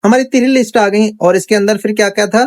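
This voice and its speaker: Speaking fast in a high voice with no echo, a man walks viewers through a casual screen-recorded coding lesson. He's talkative, thinks out loud, and checks in often with "theek hai."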